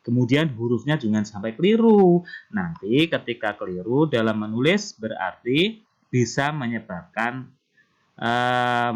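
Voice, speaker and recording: A male primary school teacher with an Indonesian accent, patiently explaining Quran recitation rules to children and chanting verses slowly. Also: mid-range voice. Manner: slow, patient explaining, often starting with "nah".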